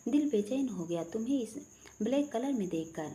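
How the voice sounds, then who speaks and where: A woman's voice: on the high side, lively intonation, normal speed, mellow, natural voice. A woman voicing a young man, an affectionate fiancé who teases and coaxes his bride-to-be in a family story. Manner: playful, coaxing, affectionate.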